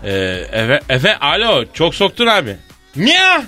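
A man hosting a comedy radio show, joking and laughing through quick asides. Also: sits high, huge pitch swings, sharp tone, soft background music. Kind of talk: comic radio banter.

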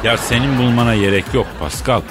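A male radio comedy host with a mid-range voice talks in playful, teasing banter and mimics the people in his stories. Soft music plays faintly behind him. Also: medium pitch, fairly quick. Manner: playful teasing storyteller who acts out dialogue.

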